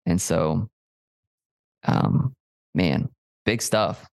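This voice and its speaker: A man's voice: deep voice, very slow, vocal fry, dry recording. A man, a podcast co-host and pastor talking in an earnest, reflective way and telling stories. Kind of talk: casual chat.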